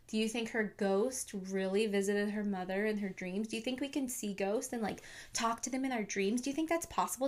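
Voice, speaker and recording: A young woman casually retelling a true crime story to her viewers on camera, chatty and full of fillers. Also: on the high side. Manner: chatty, lots of "like", talks to viewers.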